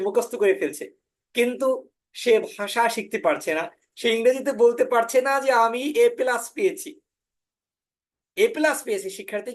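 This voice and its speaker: This woman from Bangladesh teaches spoken English and is leading an online orientation session. Her pitch is fairly high, she pauses frequently on "ah," and she repeats words slowly to show how they're pronounced.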